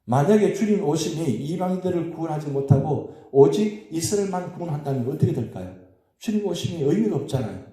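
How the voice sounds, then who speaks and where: A man's voice: fairly high pitch, mellow. A man, a pastor, preaching an early morning sermon with emphatic rises and falls and many rhetorical questions. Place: church sanctuary. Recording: very echoey church hall.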